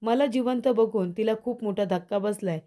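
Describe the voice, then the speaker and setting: A woman's voice: mid-range voice, normal speed, mellow, natural voice. A woman voicing a grown man who pleads with his mother to believe him. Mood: pleading. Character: adult man, pleading son.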